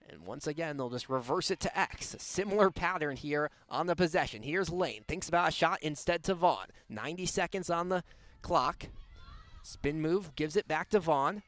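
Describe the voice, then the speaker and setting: A young man calls the action in live radio sports play-by-play, clipped and descriptive. His voice sits on the high side and is a bit bright, at normal speed, in a dry recording.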